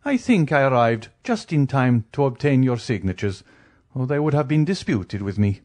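A man's voice: mid-range voice, sing-song, normal speed, darkish tone, voice pushed up, close to an everyday voice. Guy doing posh unruffled count in an audiobook, polite but ironic, very sure of himself. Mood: cool satisfaction. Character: urbane, coolly ironic, self-assured wealthy count. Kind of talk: audiobook character voice.

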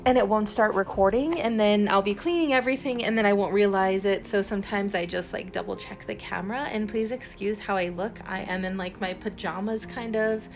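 A young woman from San Antonio, Texas records a chatty, rambling voiceover at home for her cleaning vlog, full of fillers and restarts. Her mid-range voice moves a little fast with hardly any pauses.

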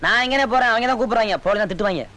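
A boastful, bossy village bachelor. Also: male voice, high-pitched, very fast, pushed and bright. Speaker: village man in a film comedy scene. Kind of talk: film comedy dialogue.

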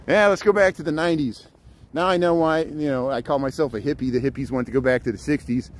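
Walking in a city park, this middle-aged Indiana man talks with a Midwestern accent in a fairly high voice for his livestream. He rambles haltingly from topic to topic, while traffic noise surrounds him.

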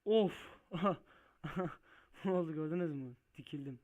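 Excitable man playing a truck game. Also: mid-range voice, a little fast, lo-fi sound. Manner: excitable, swears and shouts at mishaps; muttering to himself while driving. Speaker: gaming video host. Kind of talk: Let's Play commentary.

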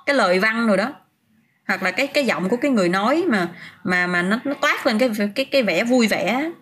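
A woman's voice: on the high side, lively intonation, fast talker, a bit bright, a little hiss or hum. A woman teaching English vocabulary on a casual livestream, chatting, answering viewers' comments by name and often restarting her sentences.

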